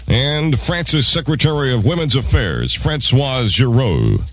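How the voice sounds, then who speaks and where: A man's voice: medium pitch, big pitch swings, unhurried, no echo. A man working as a morning radio DJ, mixing announcements with wry, joking patter. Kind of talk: radio patter, time, weather and traffic.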